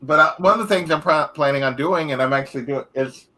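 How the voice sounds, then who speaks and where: A man's voice: fairly high pitch, fast, sharp tone, rough recording. A man chatting as a guest on a video call, hesitant and full of trailing thoughts. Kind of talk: casual chat on a video call.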